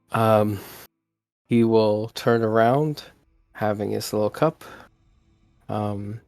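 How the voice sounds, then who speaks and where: A man's voice: lowish voice, no echo. Hesitant man playing a tabletop game. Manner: hesitant, with many ums. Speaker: player. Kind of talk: describing his character's actions in a tabletop game.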